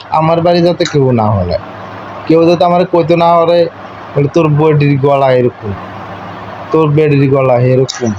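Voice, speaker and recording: A young man speaking an eastern Bengali regional dialect, his voice on the high side with a darkish tone, lectures his wife during an informal domestic argument on a call. He is insistent, repetitive and domineering. The call recording sounds muffled with faint noise.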